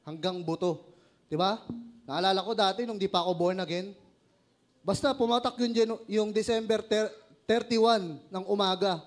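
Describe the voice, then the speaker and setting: A man with a Filipino accent preaching a sermon, joking, laughing at his own stories and asking the congregation questions. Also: high-pitched.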